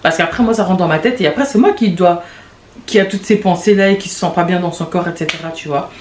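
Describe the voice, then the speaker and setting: A woman in her late twenties hosting a podcast, talking in a rambling, confessional way with quick restarts and laughs. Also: lowish voice, a little mellow. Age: late 20s. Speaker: podcast host. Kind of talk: casual confessional monologue. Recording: echoey room with faint background noise.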